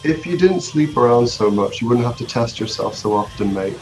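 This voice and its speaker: Gravelly-voiced man with a cold. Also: medium pitch, expressive, normal speed, faint music behind, low-quality recording. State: has a cold. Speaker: podcast co-host. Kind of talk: casual podcast chat.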